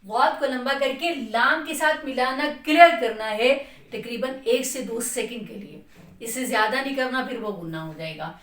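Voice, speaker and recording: A woman's voice: a little high, animated, normal speed, fairly bright tone, echoey room, recorded from a distance. A woman with a Pakistani Urdu accent teaching Quran recitation, patiently explaining where a letter is sounded and chanting long demonstrations of it. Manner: patient, repeats "theek hai" to check understanding. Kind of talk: tajweed lesson explaining letter articulation.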